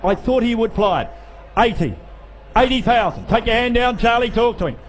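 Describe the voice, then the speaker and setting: A man's voice: very high voice, normal speed. A man working as a livestock auctioneer, repeating figures in a rolling bid chant and cajoling buyers between calls. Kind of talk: rapid auction chant with bid calling and sales patter. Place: public yearling auction sale, over noise. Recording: live sale with clear background noise.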